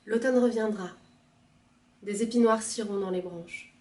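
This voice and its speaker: A woman librarian reading a poem aloud in a measured, soft expressive manner. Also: mid-range voice, far from the mic. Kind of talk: poetry reading. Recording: roomy, from the mic.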